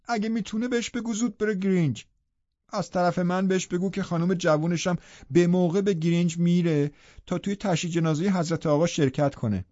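A man's voice: high-pitched, fairly even intonation, mellow, no room sound, lo-fi sound, voice pushed up, close to an everyday voice. A man reading an audiobook voices a gossipy, nosy middle-aged woman servant who keeps firing questions. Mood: insistent. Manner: prying, breathless questioning. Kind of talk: audiobook character voice.

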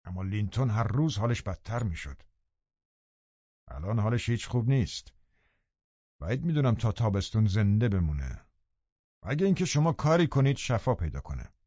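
A man's voice: fairly low pitch, very animated, long pauses, dry recording. A man plays a scheming, brooding landowner in an audiobook. The voice stays menacing and heavy. The recording is dry and slightly dull. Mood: cold menacing. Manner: menacing, then loudly pleading. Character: scheming brooding middle-aged male landowner.

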